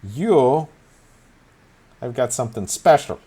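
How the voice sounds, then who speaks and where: A man's voice: mid-range voice, animated, slow pace, warm tone, slightly rough, voice pushed up. A man doing a brusque greasy fight promoter. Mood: brisk. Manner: brusque, businesslike, folksy. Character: short greasy-haired human male fight promoter, shrewd.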